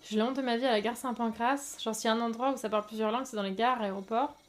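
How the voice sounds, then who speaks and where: A young woman with a French accent chats with her viewers on a live stream, laughing easily and reacting to their messages. Her voice sits a little high. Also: rapid-fire, a little hiss or hum. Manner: lively, giggly, reacts to chat. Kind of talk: casual live-stream chat.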